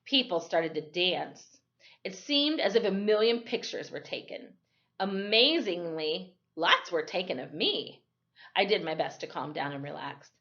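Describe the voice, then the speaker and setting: A woman teacher reads a story aloud in the first person, expressive and dramatic, now and then correcting a slip. Her voice sits on the low side, animated and a bit bright, and she takes her time. The recording sounds muffled.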